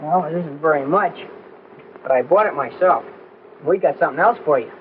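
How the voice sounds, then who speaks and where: A man's voice: on the high side, brisk, slight background noise, close to an everyday voice. A young man playing a shy, earnest, stumbling lad in an old film. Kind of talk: old film drama acting. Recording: phone-like old film soundtrack with music.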